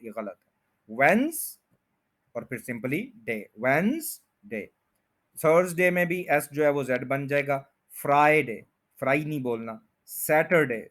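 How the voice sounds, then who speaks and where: Man teaching pronunciation in Hindi. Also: medium pitch. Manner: slow, drawn-out repetition of words with stress. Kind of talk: pronunciation lesson explained in Hindi.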